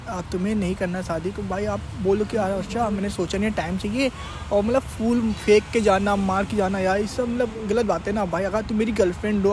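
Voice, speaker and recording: A man's voice: high-pitched, background noise. A young man hosting a prank vlog, talking casually to viewers and then arguing with his girlfriend in an exasperated, repetitive way. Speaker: prank video host. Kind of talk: casual vlog and staged argument.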